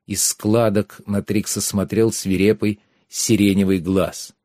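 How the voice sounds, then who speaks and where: A man narrating a fantasy audiobook in a measured, savoring way, slowing down on descriptive images. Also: on the low side, flat delivery, dark tone, no echo, studio quality.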